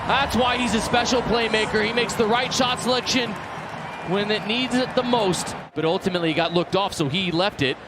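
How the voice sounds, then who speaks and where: A man's voice: sits high, fairly quick. A man working as a color commentator, explaining soccer replays in an emphatic way. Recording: loud stadium crowd noise behind. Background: loud stadium crowd.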